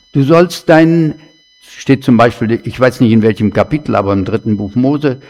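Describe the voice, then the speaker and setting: A man delivers a sermon at an unhurried, deliberate pace. His voice sits at a middle pitch and carries a long reverb from the room. He talks to his listeners in a conversational way, with small asides. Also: a little mellow. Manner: slow, conversational preaching with asides. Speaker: preacher.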